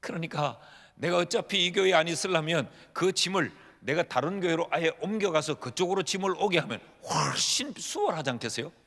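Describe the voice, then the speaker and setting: Higher-voiced pastor in a reverberant church. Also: male voice, expressive, fairly quick, vocal fry, pushed and bright. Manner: humorous storytelling, acting out prayers in dialogue. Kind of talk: sermon. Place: church sanctuary. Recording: long reverb of a church hall.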